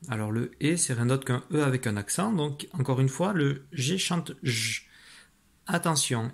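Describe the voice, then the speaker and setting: A man teaching French letter sounds to young children in a patient, encouraging way, slowly spelling out letters and syllables and praising the listener. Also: mid-range voice. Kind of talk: phonics lesson for young children.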